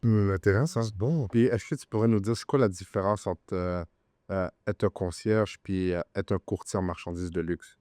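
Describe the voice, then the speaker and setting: A man's voice: deep voice, moderate pace, dark tone, no echo, studio quality. A man with a Québécois accent hosting a podcast interview, asking loosely phrased, easygoing questions. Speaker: podcast host.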